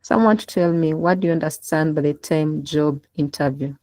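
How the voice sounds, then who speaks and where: A woman's voice: low-pitched, steady tone, normal speed, darkish tone, no room sound, rough recording. A woman leading an online class session over a laptop call, encouraging her listeners to take part. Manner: encouraging, prompting participation. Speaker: instructor. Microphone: laptop in a video call.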